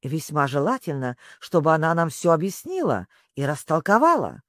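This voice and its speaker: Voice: mid-range voice, sing-song, moderate pace, a bit bright, no room sound, clean studio sound. A storybook reader voicing a gloomy, mournful old male sea creature who grumbles and sighs. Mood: grumbling.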